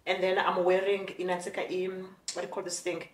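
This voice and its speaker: A woman's voice: lowish voice, completely flat delivery, a little fast. A woman in her forties with a South African Xhosa accent, chatting frankly to camera in a casual vlog and mixing in Xhosa phrases. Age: 40s. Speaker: vlogger. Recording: echoey room with faint music.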